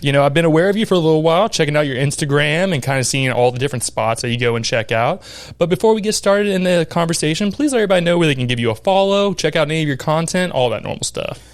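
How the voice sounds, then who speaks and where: Fast-talking upbeat male podcast host. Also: fairly high pitch, animated. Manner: upbeat, quick, chatty with fillers. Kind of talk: casual podcast interview.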